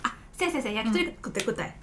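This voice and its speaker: A woman's voice: a little high, lively intonation, rapid-fire, noisy background. A woman with a Kansai accent, one half of a comedy duo, hosting a casual radio show and reading listener letters aloud with chatty, giggly asides.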